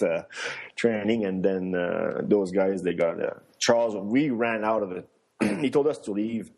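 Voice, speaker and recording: Middle-aged male guest, low voice, rambling storyteller full of restarts and little laughs. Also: a little mellow. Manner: rambling, with many restarts and fillers; laughs while telling stories. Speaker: guest, former luge athlete and coach. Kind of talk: casual storytelling in an interview.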